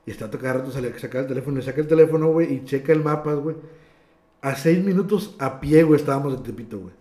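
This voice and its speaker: A young man with a northern Mexican accent telling a story in casual, slang-heavy chat, often trailing off quietly at the ends of lines. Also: mid-range voice, very fast. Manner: slangy, drops "güey" constantly, trails off quietly. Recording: echoey room.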